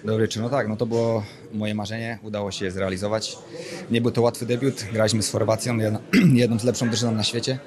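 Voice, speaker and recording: A young footballer answering modestly and plainly in a post-match interview, clearing his throat, into a handheld microphone. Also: lowish voice, little pitch movement, fast talker, a crowd in the background. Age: young adult. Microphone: handheld broadcast mic.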